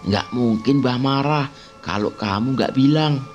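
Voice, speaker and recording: A man voicing a curious, bossy young girl who asks lively questions and scolds her friend, over background music. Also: mid-range voice, measured pace, lo-fi sound, voice pushed up, natural voice. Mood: questioning. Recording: music playing underneath.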